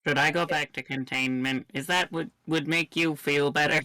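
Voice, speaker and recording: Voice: mid-range voice, fairly even intonation, normal speed, bright, forceful tone, dry recording. A player voicing a polite, apologetic eldritch creature working as an office intern in a tabletop role-play. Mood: meek.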